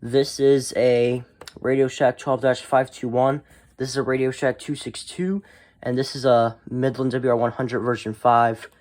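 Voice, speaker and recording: He's a collector hosting a relaxed show-and-tell video, his medium-pitched voice a little mellow. He meanders as he talks, frequently drifting off at the end of a thought.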